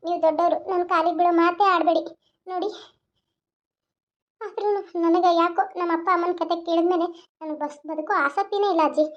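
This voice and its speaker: A woman's voice: very high-pitched, steady tone, fairly quick, long pauses. A woman voicing a grieving young woman in a cartoon, tearful and pleading. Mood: despairing. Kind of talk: cartoon voice acting. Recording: dull lo-fi recording.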